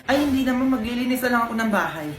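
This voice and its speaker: A woman with a slightly high voice plays an offhand child in a comedy skit. Her lines bounce around an echoing room with music behind them. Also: expressive, very fast.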